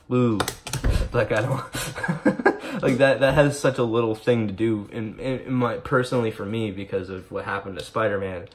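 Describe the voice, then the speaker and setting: Excited and swearing a lot, a lowish-voiced young man gives a rambling, casual movie review to the camera, padded with many fillers.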